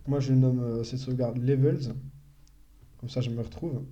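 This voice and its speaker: A young man walks viewers through programming in a relaxed live-stream tutorial. His voice is warm and mellow, at a middle pitch. He thinks aloud and often backtracks to fix what he just said. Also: moderate pace, highs cut off. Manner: thinks aloud, self-correcting, chatty explanations.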